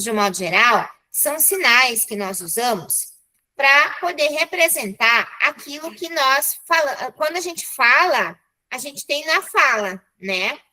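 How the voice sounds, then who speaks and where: Bright, high-voiced Brazilian teacher. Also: female voice, low-quality recording. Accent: Brazilian Portuguese. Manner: chatty, encouraging, with frequent "né?" and "tá?" checks. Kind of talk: live online class.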